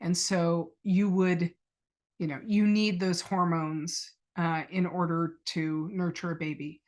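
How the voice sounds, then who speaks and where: A woman's voice: lowish voice, level tone, slow pace, darkish tone. A middle-aged woman, a podcast guest, earnestly telling a personal story and retelling past conversations as quoted dialogue.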